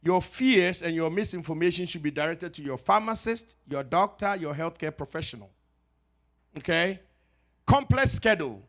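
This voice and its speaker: A middle-aged man from Ghana with a Ghanaian accent, a pharmacist giving an informal health talk at church, lively and joking, repeating his key points. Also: on the high side, normal speed.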